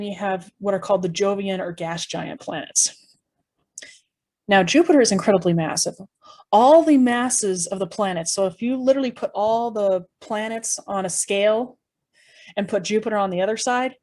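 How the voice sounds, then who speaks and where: A woman's voice: medium pitch, a little mellow. A woman presenting an educational tour in a conversational, explanatory way, with informal asides and rhetorical questions.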